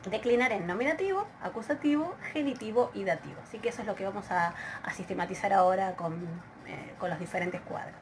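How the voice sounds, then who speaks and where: A woman's voice: mid-range voice, lively intonation, fast. A woman with an Argentine Spanish accent teaching a recorded video lesson, explaining step by step with frequent filler hesitations and restarts. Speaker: Greek language teacher.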